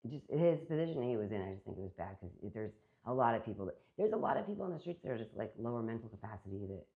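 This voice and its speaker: Fast-talking woman on a tinny line. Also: extremely low pitch, big pitch swings, gravelly. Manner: rambling, filler-heavy retelling with many quoted exchanges. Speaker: interviewee. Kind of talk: recounting a personal story. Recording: phone-like narrow band.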